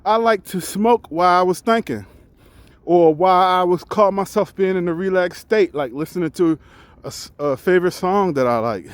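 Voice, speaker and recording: A man's voice: sits high, moderate pace, clean tone, no echo. A truck driver in his forties, talking candidly and reflectively in a casual vlog while out on a walk, often restarting his sentences as he thinks aloud. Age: 40s.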